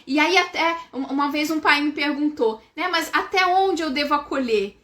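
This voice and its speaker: A woman's voice: high voice, normal speed. A woman with a Brazilian Portuguese accent giving a live talk to parents, explaining patiently and often checking in with "tá?" and "gente". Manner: warm explaining, addresses "gente", frequent "tá?" checks. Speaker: parenting educator.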